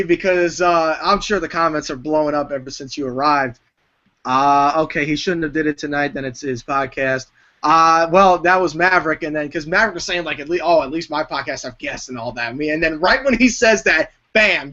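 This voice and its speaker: A man hosting a podcast, chatting casually and telling animated stories with plenty of swearing. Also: fairly high pitch, normal speed. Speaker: podcast host. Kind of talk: casual chat. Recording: dull lo-fi sound.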